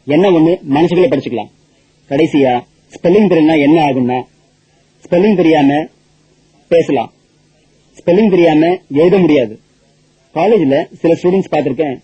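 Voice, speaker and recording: A man's voice: on the high side, slightly rough, no room sound. A man teaching a spoken English lesson, drilling points with repeated questions and answers. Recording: dull lo-fi audio.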